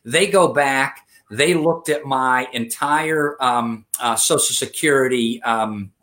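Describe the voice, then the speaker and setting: Slow, pushed and bright, the mid-range voice belongs to a fifty-something man being interviewed in a conversational style. He talks earnestly, often filling pauses and starting over.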